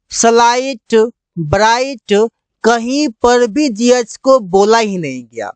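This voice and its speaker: A teacher explaining English silent-letter rules in Hindi, slowly repeating each rule and example word. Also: mid-range voice, smooth, no echo.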